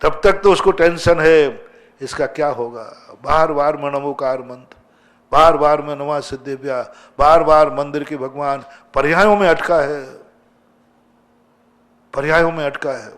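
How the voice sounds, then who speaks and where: Slow-preaching man giving a sermon. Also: a little high, a bit bright. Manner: slow, chanting scripture, rising to emphatic outbursts. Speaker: Jain monk preaching.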